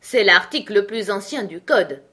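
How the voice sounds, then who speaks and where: A woman voicing a pompous old king in a storybook reading, solemn and blustering, a little higher and louder than her own voice. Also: lively intonation, moderate pace, slightly rough. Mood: grave, pompous.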